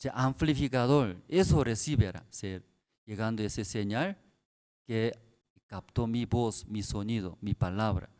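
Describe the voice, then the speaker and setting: Slow, soft-spoken pastor with low voice. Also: male voice. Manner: simple broken Spanish with many tag questions; speaks softly and slowly to the congregation. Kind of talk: sermon at a prayer service.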